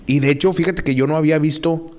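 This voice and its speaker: A young man from Monterrey, with a northern Mexican accent, tells childhood stories casually on a podcast in a slightly high voice at a fast clip. He's animated and slangy, acting out the quotes.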